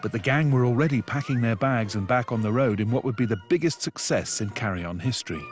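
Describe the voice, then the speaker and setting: A man narrates a documentary in a measured, scripted way. Music runs under his voice. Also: mid-range voice.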